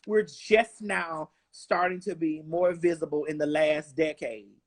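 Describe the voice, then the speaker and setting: A woman's voice: low-pitched, steady tone, measured pace. A woman in her forties giving an interview in a blunt, emphatic, profane way. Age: 40s. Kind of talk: casual interview chat.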